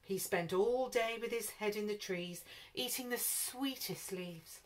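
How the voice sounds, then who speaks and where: A woman storyteller reading a children's picture book aloud in an expressive, lively way. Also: mid-range voice, measured pace.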